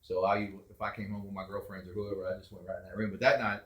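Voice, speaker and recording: A middle-aged man tells his family's ghost stories in casual chat. His voice is bright and sharp, and the room gives it a noticeable echo. He gets animated and loud whenever he acts out what people said. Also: sits low, fast talker. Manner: animated, acts out quotes loudly. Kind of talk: casual storytelling.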